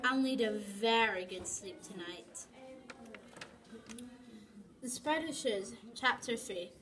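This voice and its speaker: A woman reading her own story aloud, slowly and haltingly, with restarts. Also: on the high side, a bit bright, low-quality recording. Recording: voice from off the mic, people chattering behind.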